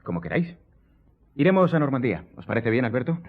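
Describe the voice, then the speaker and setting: An actor playing a worldly, self-assured count in a radio drama, with a courtly, theatrical and wryly ironic manner. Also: male voice, mid-range voice, sing-song, fast. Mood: courtly, inviting. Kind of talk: Spanish radio drama acting. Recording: muffled, phone-like radio recording.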